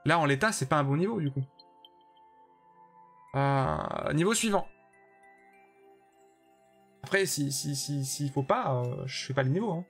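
A man streams himself playing a level-making platform game, chatting casually, answering chat by name, and bluntly judging viewers' levels. His voice is on the high side, a bit bright and slightly rough, with lively intonation, a somewhat slow pace, and long pauses over soft background music.

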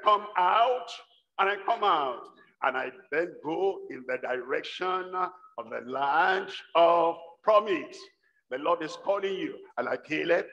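An older man preaches at a lectern in a large church hall, his lines repeating in a steady rhythm and swelling into shouts. His voice sits a little high. The sound is a dull livestream capture with long reverb from the hall. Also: creaky. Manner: rhythmic, repetitive exhortation building to shouts. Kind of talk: sermon.

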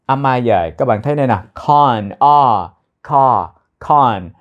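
A male teacher talks through a lesson at an even pitch. He slows down to repeat short phrases several times and breaks words into their sounds. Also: lo-fi sound. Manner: repeats phrases slowly, drills pronunciation. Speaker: English teacher. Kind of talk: explaining English phrases in a lesson.

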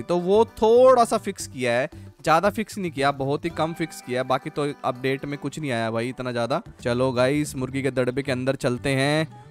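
A man giving casual, chatty commentary over his farming game, constantly addressing his viewers as friends. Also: a little high. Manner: chatty, keeps calling viewers "guys" and "bhai". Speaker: gaming channel host.

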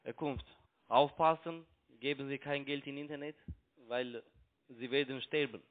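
This scam caller, a phone broker with a foreign accent whose native tongue isn't German, speaks at medium pitch in a steady tone and measured pace. He argues in broken sentences, insistently repeating phrases during a heated phone exchange. The line is tinny and narrowband.

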